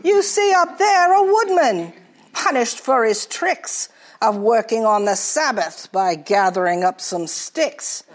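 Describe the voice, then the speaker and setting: A man's voice: extremely high pitch, expressive, takes it slowly, exaggerated voice. A woman voicing a soldier in a tavern who tells a moon legend in rhyming verse. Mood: storytelling. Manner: rhyming, storytelling cadence. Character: old-world soldier telling a moon legend.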